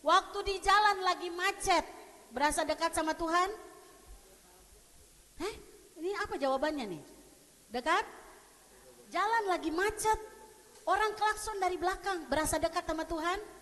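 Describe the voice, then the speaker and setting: A woman's voice: very high-pitched, moderate pace, long pauses, sharp tone. A woman pastor preaching a sermon in a conversational, humorous way, often asking the congregation questions. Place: church sanctuary. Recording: long church hall reverb.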